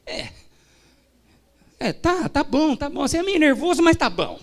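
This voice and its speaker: A man putting on a high, grudging wife. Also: sing-song, a little slow, exaggerated voice. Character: pastor's weary middle-aged wife, curt.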